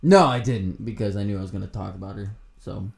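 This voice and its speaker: A man's voice: lowish voice, quick pace, creaky, darkish tone. A young man co-hosting a casual podcast, telling crude, rambling stories with lots of laughter. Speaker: podcast co-host.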